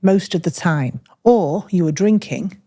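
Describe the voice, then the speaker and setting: A woman's voice: fairly low pitch, dark tone, no echo. Woman podcast co-host, frank and reflective, dry close sound. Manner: frank, reflective, speaks in short measured phrases. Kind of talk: candid personal conversation.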